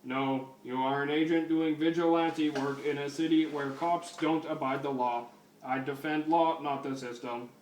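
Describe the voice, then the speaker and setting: A man voicing a stiff, literal-minded male cyborg cop who talks flatly in broken grammar, recorded at a distance in a roomy space. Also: a little high, moderate pace, natural voice. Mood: matter-of-fact. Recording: roomy, distant mic, faint noise.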